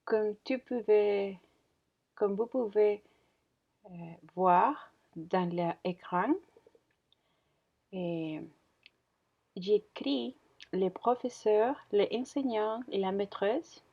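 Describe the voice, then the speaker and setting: Woman in her thirties, very slow hesitant teacher, muffled lo-fi sound. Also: medium pitch, gravelly. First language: Spanish. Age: 30s. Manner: hesitant, many fillers and self-corrections. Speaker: French teacher. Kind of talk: slow beginner language lesson. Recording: dull lo-fi audio.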